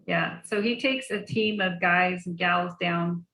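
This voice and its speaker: A woman hosting a class discussion, talking in a relaxed way with fillers. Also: lowish voice, takes it slowly. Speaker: class host. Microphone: video call. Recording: echoey room on a video call, faint noise.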